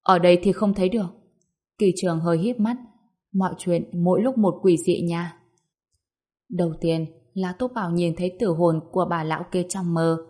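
A woman reading a serialized story aloud as its storyteller. Her delivery is measured and even, with a low-set voice. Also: slightly rough. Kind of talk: scripted story narration.

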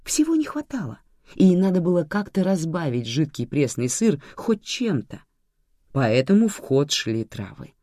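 A narrator reading a story aloud in an expressive way. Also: medium pitch, a little slow, dry recording, studio quality. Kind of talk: audiobook narration.

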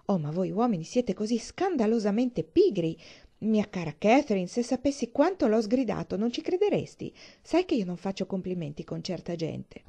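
Woman reading a flighty, gushing young lady for an audiobook, lively swoops, mellow tone. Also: mid-range voice, moderate pace. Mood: effusive.

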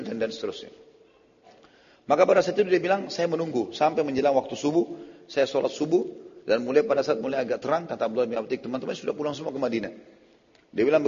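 A man preaching, telling a story in a lively way and acting out the voices of the people in it. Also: mid-range voice, breathy edge. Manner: animated storyteller, acts out quoted speech. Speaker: Islamic preacher. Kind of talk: sermon-style storytelling lecture. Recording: lo-fi hall recording.

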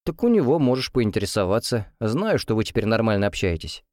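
A man doing a calm easygoing father. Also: fairly low pitch, a little fast, dry recording, clean studio sound. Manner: relaxed, matter-of-fact.

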